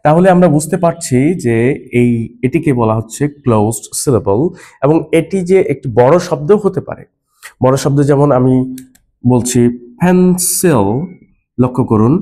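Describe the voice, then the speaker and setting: A man's voice: medium pitch, warm tone. Man teaching phonics. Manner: spells words out letter by letter, patient explaining. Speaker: English teacher. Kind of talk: phonics lesson explained to learners.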